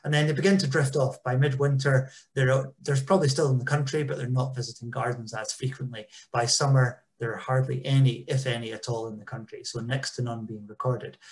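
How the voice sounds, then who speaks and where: A man's voice: mid-range voice, steady tone, a little fast, hardly any pauses. A man giving an informal conference talk over a video call, chatty and full of small ums. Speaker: engagement officer. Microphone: video call webcam.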